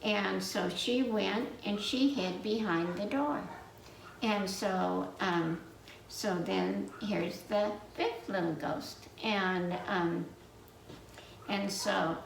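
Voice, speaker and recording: At a library story time, a woman recounts a children's tale from memory at an unhurried, halting pace, meandering and tossing dramatic questions to the audience. Her mid-range voice has some fry, and she sits far from the mic in a roomy space with faint noise.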